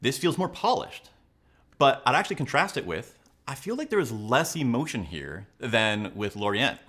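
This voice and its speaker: Guy coach breaking stuff down for viewers, emphatic, really animated pitch, bright sound. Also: moderate pace, husky. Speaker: body language and leadership coach, video host. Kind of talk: analytical commentary to viewers.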